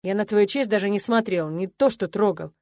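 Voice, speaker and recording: A calm young crown prince who talks in slow, level, unbothered lines, read by a woman in her own register. The sound is close and dry, with no room around it, as in a studio audiobook. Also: mid-range voice, no echo, lightly acted. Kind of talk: audiobook character voice.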